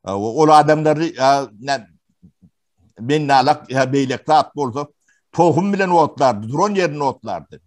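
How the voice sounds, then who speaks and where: A man from Turkmenistan giving testimony in an interview, talking haltingly with many pauses and fillers. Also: mid-range voice, darkish tone. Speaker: witness interviewee.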